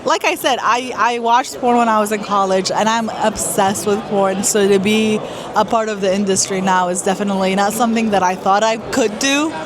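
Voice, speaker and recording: Young woman at a noisy fair. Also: medium pitch. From Iraq. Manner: candid, with many halting fillers. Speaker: guest performer. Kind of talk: casual interview answers. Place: busy trade fair hall. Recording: loud crowd chatter behind.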